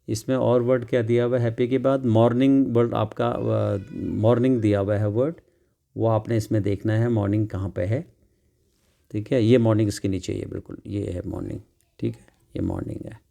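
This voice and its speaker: Man, gravelly voice, patient repetitive English tutor, asks and answers his own questions. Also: on the low side, fairly even intonation, normal speed, dark tone. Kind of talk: classroom lesson explaining a workbook.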